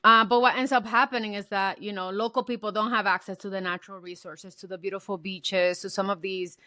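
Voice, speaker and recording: Bright-voiced earnest woman author. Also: mid-range voice, fairly even intonation, brisk, no room sound, clean studio sound. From Dominican Republic. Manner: earnest, reflective, building to passionate points. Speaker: author guest. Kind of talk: podcast interview.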